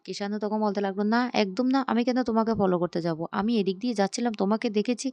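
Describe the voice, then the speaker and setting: A woman quickly recaps scenes from a TV serial in storytelling fashion, voicing every character's lines herself. Her mid-range voice is a little mellow, and there is no echo.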